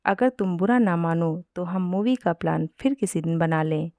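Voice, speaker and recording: A woman's voice: on the low side, moderate pace, a little mellow, no echo, natural voice. Woman reading a young man, firm, polite, irritated, dry close sound. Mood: tired.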